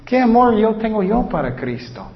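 Earnest male preacher, slightly high voice. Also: very animated, normal speed, gravelly. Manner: earnest preaching with frequent rhetorical questions. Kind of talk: evangelistic sermon and closing prayer. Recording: dull lo-fi sound.

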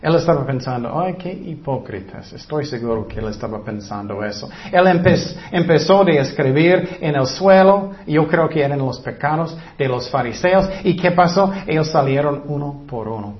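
A man preaching a sermon in an expressive way, acting out voices in his stories, with slightly non-native phrasing. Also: on the high side, normal speed, hardly any pauses. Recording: dull lo-fi sound.

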